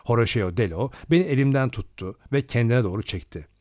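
A man narrating a novel as an audiobook, with expressive storytelling. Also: medium pitch, fairly quick, no echo, studio quality.

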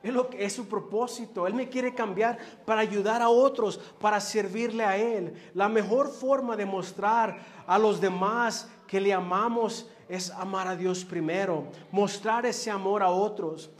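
A male preacher delivers his sermon at an unhurried, deliberate pace. His voice sits fairly high for a man, and he talks earnestly, leaning on filler words as he goes. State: dizzy.

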